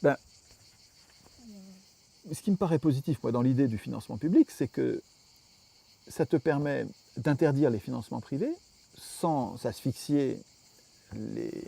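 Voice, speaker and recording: A man's voice: mid-range voice, lively intonation, unhurried, vocal fry, pauses often, warm tone, breathy edge. A French man, interviewed, explaining his political views at length with emphatic reasoning and frequent restarts.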